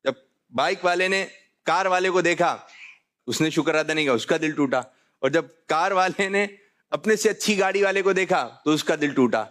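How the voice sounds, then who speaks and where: A man's voice: fairly high pitch, a bit bright. A man hosting a religious talk show, jovial, often repeating his key phrases. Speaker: host.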